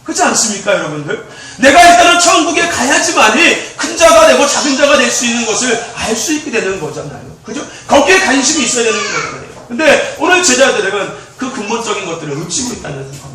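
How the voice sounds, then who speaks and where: High, animated preaching man in echoey hall. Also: fast talker, few pauses. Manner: animated preaching, rising to shouts, acting out prayers. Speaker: pastor. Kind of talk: sermon. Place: church sanctuary. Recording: echoey church hall, mic far off.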